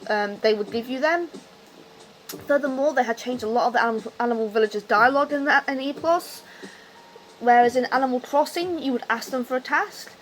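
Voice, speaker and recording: A drunk woman, a video game commentator, goes on a rambling, unscripted rant about her hobby, loose-tongued, opinionated, and emphatic in an exasperated way. Her voice is fairly high-pitched, and the rough recording carries a little hiss or hum.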